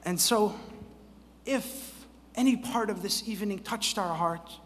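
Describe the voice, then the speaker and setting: A man, a rabbi, giving a conference keynote like a sermon, moving from quiet storytelling to ringing exhortation into a podium microphone in a large hall. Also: high-pitched, a little slow, a faint crowd, a little hiss or hum. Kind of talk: impassioned sermon-style keynote. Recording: hall reverb, faint ambience.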